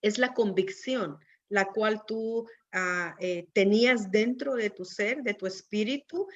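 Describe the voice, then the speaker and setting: A woman's voice: mid-range voice, slow pace. A woman hosting a church interview, talking reflectively and often adding tag questions. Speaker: host of church program. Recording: slightly dull lo-fi sound.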